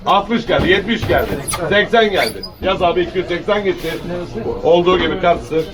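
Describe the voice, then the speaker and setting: High-pitched male auctioneer over a crowd. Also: a little fast. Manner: repetitive calling out of weights and prices. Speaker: fish auctioneer. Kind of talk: auctioneer calling lots and bids. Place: busy fish auction hall. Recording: distant mic amid crowd chatter. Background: crowd of buyers.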